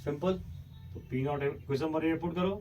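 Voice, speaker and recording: A man's voice: fairly high pitch, brisk, darkish tone, faint music behind. Man teaching chemistry at a board. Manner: addresses students as children, coaxing and repetitive; moves away from the mic while writing, voice fading in and out. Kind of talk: blackboard lecture solving problems. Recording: voice from a distance, faint room noise.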